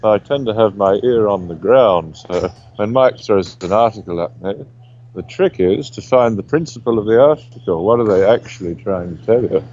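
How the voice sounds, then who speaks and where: A man's voice: on the low side, expressive, normal speed, a little mellow. A man giving casual commentary as a remote guest analyst, wry and dryly humorous, over a muffled call line. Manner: wry, dry humour, says mate.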